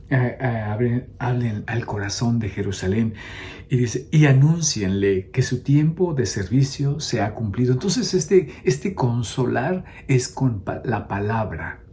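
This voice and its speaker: A man's voice: mid-range voice, animated, measured pace, warm tone, slight background noise. A man preaching a homily as a priest, talking off the cuff with many fillers and restarts, asking his listeners "¿sí?" and mixing in English words. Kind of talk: homily on scripture.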